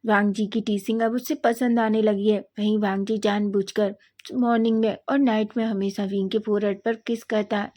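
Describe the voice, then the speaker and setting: Female storyteller with a mellow, warm tone; reads every character's lines in her own voice. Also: medium pitch. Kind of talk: narrating a fan story aloud.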